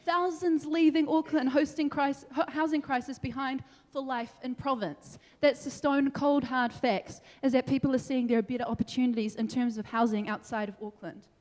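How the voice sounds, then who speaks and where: A young woman from New Zealand giving an energetic, animated debate speech, laughing between points. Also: high voice, moderate pace, hardly any pauses. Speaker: debate speaker. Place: large council meeting hall. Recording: long hall reverb.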